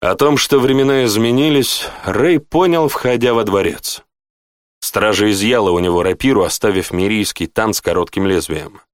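A man's voice: normal speed, dry recording, clean studio sound. A man reading an audiobook aloud, narrating the story and voicing its characters in turn by lifting his voice for their lines. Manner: shifts pitch up for dialogue characters.

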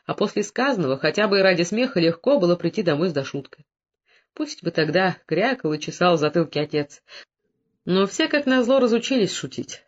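A narrator reads a novel aloud in a steady, even storytelling manner. The recording is dull and lo-fi, with a medium-pitched voice. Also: a little fast. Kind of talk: scripted audiobook narration.

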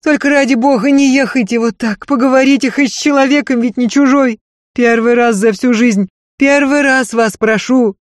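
A blunt, devoted serving woman, as a female reader puts her on, pitched well above the reader's own voice and loud. She talks in earthy, folksy turns of phrase and presses every point hard. The recording is close and completely dry. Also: steady tone, moderate pace, no room sound, close to an everyday voice. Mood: pleading. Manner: earthy folksy speech, emphatic.

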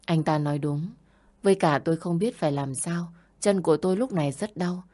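Low-voiced woman narrating a story. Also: a little fast, dark tone. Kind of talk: first-person story narration.

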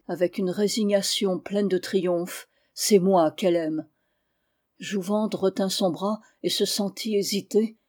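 A woman reading a classic tale aloud as an audiobook narrator, in a measured, expressive storytelling manner. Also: medium pitch. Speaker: audiobook reader.

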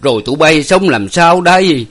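A man's voice: a little high, animated, normal speed, a bit bright, pitched above the performer's own voice. A man doing a choked, grieving old father. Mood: mournful lament. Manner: choked, lamenting, rambling. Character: grief-stricken older father, dazed and lamenting.

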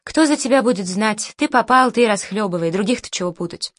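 A woman reading the part of an older male producer who hectors and bullies in crude, rough speech, in a dry recording. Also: mid-range voice, expressive, fairly quick, dry recording, close to an everyday voice. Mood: ranting. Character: older male producer, loud, bullying and hysterical.

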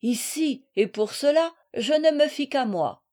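A woman's voice: high-pitched, animated, measured pace, warm tone, pitched above the performer's own voice. A woman voicing a bold, jovial male knight who teases his guest with mock gallantry, in an audiobook reading.

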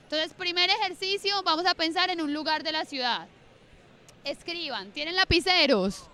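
A woman's voice: very high-pitched, moderate pace, pushed and bright. A woman guiding a group writing exercise in an outdoor park, chatty and repeating her instructions, with a handheld mic she often forgets to use. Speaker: workshop facilitator. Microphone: handheld mic, often held away.

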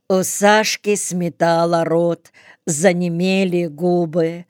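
Female audiobook narrator; measured delivery, slightly low voice, dry close studio sound. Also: a little mellow, clean tone, no echo. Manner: measured, unhurried reading. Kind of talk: scripted narration.

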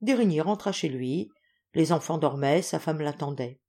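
A woman reading an audiobook with calm, clear storytelling. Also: low voice, normal speed. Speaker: audiobook reader. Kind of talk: audiobook narration.

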